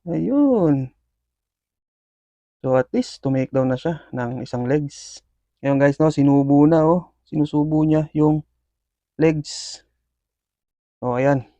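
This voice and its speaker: A man feeds his pet scorpions for a video, addressing viewers casually and calling the action with enthusiasm and many fillers. His voice sits on the high side, and he takes it slowly with frequent pauses, with no room sound.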